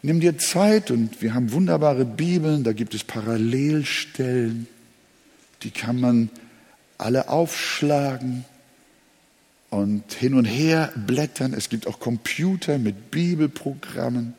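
A man's voice: mid-range voice, slow pace, darkish tone, husky. A male pastor preaching a sermon, leaning hard on single words and repeating key phrases. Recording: long hall reverb.

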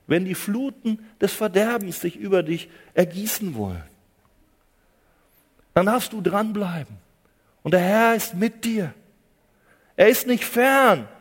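A man preaching a sermon with a dramatic delivery, dropping to hushed low phrases and rising to loud emphatic cries, and repeating phrases for emphasis. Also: slightly rough, big-room sound.

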